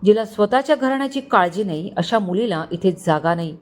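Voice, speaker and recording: A woman's voice: mid-range voice, lively intonation, fairly quick, lightly acted. A woman voicing a stern father who harshly disowns his daughter in a storybook reading. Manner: harsh, shouting.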